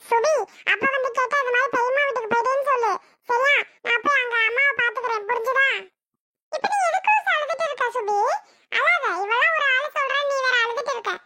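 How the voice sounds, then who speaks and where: Someone voicing a young husband in a tirunelveli cartoon, super high squeaky voice, fed up and pleading. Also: fast talker, pushed and bright, no echo, heavily acted. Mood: exasperated. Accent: Tirunelveli Tamil. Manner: exasperated, pleading. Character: young husband, defiant then tearful. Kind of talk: cartoon voice acting.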